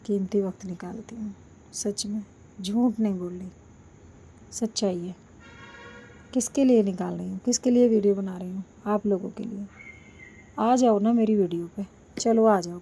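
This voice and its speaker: A woman vlogger with a sore throat, talking slowly and softly to her viewers and pleading for their support, recorded without a microphone. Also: medium pitch, a little hiss or hum. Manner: slow, soft-spoken, pleading. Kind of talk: casual chat to viewers. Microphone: no microphone, built-in device mic.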